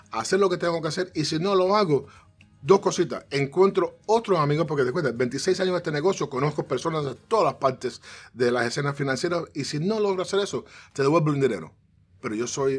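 Seated in an armchair on a TV studio set, this middle-aged financial strategist talks animatedly in a casual interview, gesturing a lot, restarting frequently and dropping in English words such as "so." Born in the United States to Cuban parents, he speaks briskly in a voice on the high side with a breathy edge.

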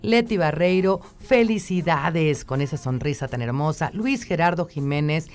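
A woman's voice: sits low, lively intonation, normal speed, darkish tone. A woman with a Mexican accent hosting a live radio talk show, upbeat, reading listener greetings and messages aloud. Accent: Mexican Spanish.

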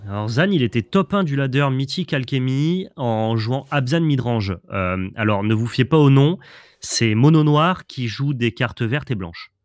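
A man co-hosting a card-game stream in casual chat, relaxed and hesitant, often trailing off in asides. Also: mid-range voice, a little slow, no echo, studio quality. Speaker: co-host, gameplay commentator.

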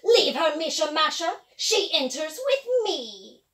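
A woman voicing a fierce, hungry old witch who chants loud threats. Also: sits high, big pitch swings, takes it slowly, recorded from a distance, heavily acted. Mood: commanding.

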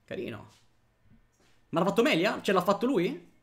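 A man's voice: high voice, animated, normal speed. A man streaming live at his computer, thanking viewers one by one and chatting as he plays.

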